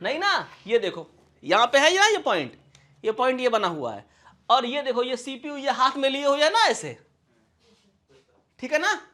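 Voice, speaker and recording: A man leads a classroom-style computer lesson, his voice sitting unusually high. He asks quick check questions again and again to make sure everyone follows. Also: very animated, pushed and bright. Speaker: computer teacher.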